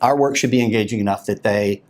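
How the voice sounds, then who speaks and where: A man's voice: on the low side, fast, darkish tone. A man who is a creative director, chatting on a podcast, dry-humored and earnest about design work. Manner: dry joking, then earnest and explanatory. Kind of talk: casual podcast chat.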